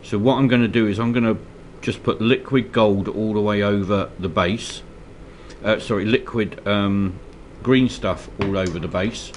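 A Scottish man with a slight cold talks casually through a miniature painting tutorial at his hobby desk. His voice is lowish and his speed normal, with a little hiss or hum behind it. He sounds relaxed but hesitant, filling gaps with plenty of ums and uhs.

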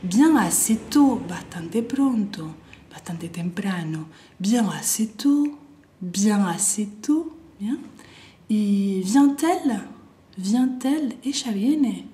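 A young woman giving a language lesson, repeating each example slowly and often softly. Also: medium pitch, lively intonation. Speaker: French teacher.

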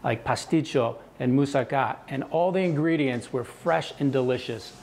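Guy in his 30s doing an interview, calm steady voice, lapel mic, bit of room hiss. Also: medium pitch, normal speed. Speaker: company executive. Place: indoor kitchen showroom.

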